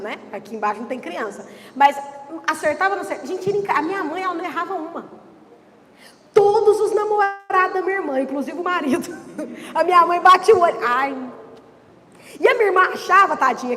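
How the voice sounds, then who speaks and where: A woman pastor gives an animated sermon and keeps teasing and questioning her congregation. Her voice sits very high. A long church reverb trails every phrase. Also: a little hiss or hum. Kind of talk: lively sermon.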